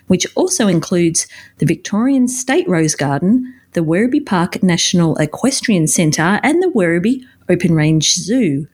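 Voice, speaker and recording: A woman's voice: fairly low pitch, a little mellow, slightly rough. An Australian woman hosting a podcast, moving between friendly chat and scripted segments. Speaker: podcast host.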